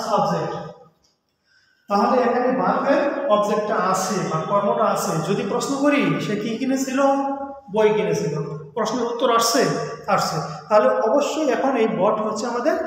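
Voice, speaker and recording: A high-voiced man leads a live grammar lesson. He quizzes his viewers, repeats the key terms and keeps asking them to comment. Every word rings in a cathedral-like echo with a long tail, over a faint hiss. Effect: cathedral-like echo bouncing off the walls. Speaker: teacher. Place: bare room with hard walls.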